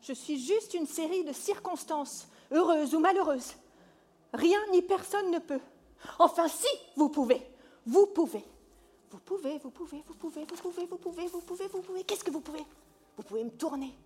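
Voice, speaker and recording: A woman playing a teasing, high spirit of chance. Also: lively intonation, moderate pace. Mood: coaxing. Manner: playful, coaxing, theatrical, swinging between loud calls and hushed asides. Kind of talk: theatrical stage monologue.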